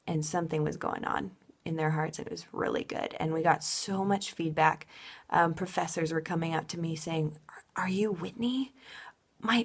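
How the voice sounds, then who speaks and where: A woman's voice: low-pitched, gravelly. A woman dance teacher giving a heartfelt, casual personal update, earnest and full of ums.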